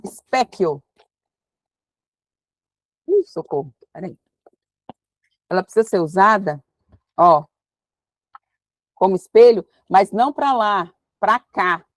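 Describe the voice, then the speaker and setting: A woman teaching the Bible in a devotional, conversational way. She reads passages slowly, then talks through them with warmth and energy. Her voice is mid-pitched and sits close to the mic in a dry space. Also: no echo. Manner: reads scripture slowly, then explains in a lively, conversational preaching tone.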